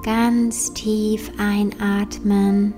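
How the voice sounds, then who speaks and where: Very slow, soft whispery woman guiding meditation. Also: mid-range voice, level tone. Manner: soothing, very slow, with long pauses. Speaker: meditation guide. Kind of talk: guided meditation in a soft, breathy near-whisper. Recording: soft new-age music behind. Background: new-age meditation music.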